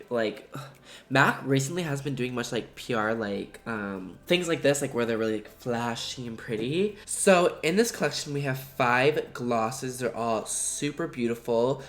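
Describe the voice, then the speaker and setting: A man's voice: medium pitch, unhurried. Stuffed-up nasal man gushing over makeup. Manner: gushing, slangy, chatty. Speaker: beauty vlogger. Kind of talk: makeup review vlog.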